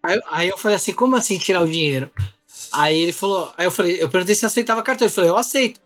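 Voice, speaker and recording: A man's voice: high voice, racing. A man telling a travel mishap in casual chat, acting out the other people's lines as he goes. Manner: animated storyteller, acts out dialogue.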